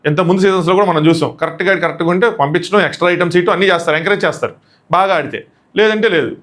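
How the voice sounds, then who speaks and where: A man giving a casual, opinionated recap of a reality show, dropping his voice low when he quotes people. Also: fairly bright tone. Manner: retells quotes in a lowered voice; rapid, chatty, opinionated. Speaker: show commentator.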